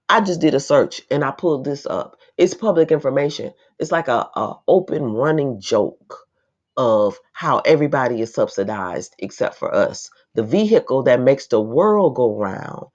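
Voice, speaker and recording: A woman's voice: a bass voice, darkish tone. Indignant woman reading news with commentary. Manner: indignant, emphatic asides between read passages. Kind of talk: reading an article aloud with commentary. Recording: slightly dull, lo-fi recording.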